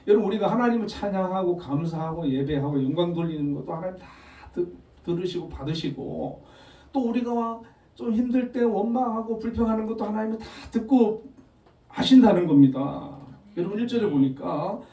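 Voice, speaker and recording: A male pastor giving a Sunday morning sermon in a conversational, animated storytelling manner with frequent chuckles. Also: high-pitched, a little fast. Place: church sanctuary. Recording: echoey hall, voice from a distance.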